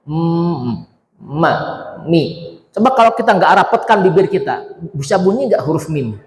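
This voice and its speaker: A man's voice: high voice, very animated, fast talker, darkish tone. A male Quran teacher giving a tajwid lesson, drilling letter sounds one syllable at a time and quizzing his students. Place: Islamic centre hall. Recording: echoey hall with long reverb.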